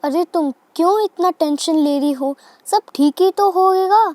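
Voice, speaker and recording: A performer putting on a calm father doll. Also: extremely high pitch, unhurried, no room sound. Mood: soothing. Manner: gentle, reassuring.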